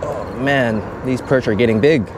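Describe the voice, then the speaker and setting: A young man with a medium-pitched voice and moderate pace narrates an easygoing vlog while fishing from an outdoor pier. Chatty and upbeat, he's recorded on a head-mounted action camera, and the outdoor audio has distinct noise.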